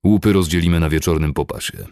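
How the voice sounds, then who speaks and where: A man's voice: sits low, fast talker, mellow, smooth, no echo, clean studio sound. A man voicing a furious, cold and violent cavalry colonel who barks curt orders and erupts into roars.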